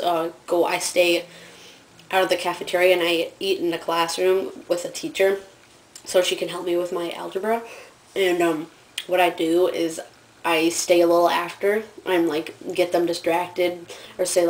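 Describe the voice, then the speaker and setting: A woman's voice: lowish voice, rough recording. A teenage girl telling rambling stories about school in a casual vlog, giggling and filling her talk with fillers. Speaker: student vlogger.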